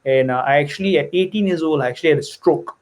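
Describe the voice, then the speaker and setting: On a podcast, a young man from Singapore who invests shares his personal story at a quick pace. His voice is fairly high, his manner earnest, and he often adds "right?" and "you know".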